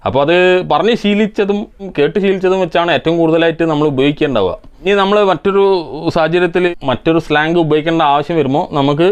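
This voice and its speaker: Brief: male electronics repair host from India, quick and methodical, smooth clear voice. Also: on the high side. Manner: methodical, explains step by step. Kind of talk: answering viewer comments, technical explanation.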